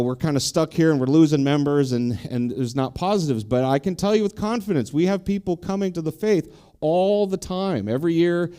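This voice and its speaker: Middle-aged man, deacon hosting a panel, mellow tone, smooth clear voice, chatty with ums. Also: on the high side. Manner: conversational, with frequent ums and restarts. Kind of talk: casual introduction to a live stream.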